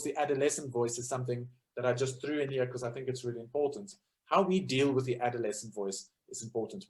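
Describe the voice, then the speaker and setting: A man's voice: medium pitch, darkish tone. A man giving an informal lecture on choral music, explaining step by step with frequent fillers. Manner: explanatory, thinks aloud with fillers. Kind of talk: informal lecture with sung demonstrations.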